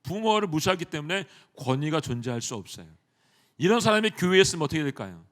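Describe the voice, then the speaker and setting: A male pastor preaching a sermon in a church, animated and often addressing the congregation directly. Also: a little high, quick pace. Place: church sanctuary.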